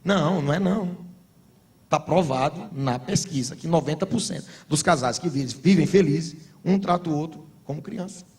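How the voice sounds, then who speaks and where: A middle-aged man with a Brazilian Portuguese accent preaching to couples in a high voice. He tells funny anecdotes in a storytelling way and then presses his points with emphatic exhortation. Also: moderate pace, few pauses, a little mellow. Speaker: pastor. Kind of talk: sermon at a couples' conference.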